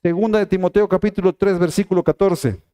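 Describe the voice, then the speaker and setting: A man's voice: high-pitched, fairly even intonation, fairly quick, mellow, clear, resonant tone. A middle-aged man preaching a sermon, emphatic and repeating key phrases as he speaks straight to the congregation. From Ecuador.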